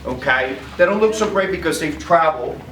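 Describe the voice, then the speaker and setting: Expressive and a little fast, this slightly high-voiced sales presenter runs a live food trade demo, capping his lines with "okay?". Crowd noise fills the echoey room, and the distant mic picks up plenty of noise.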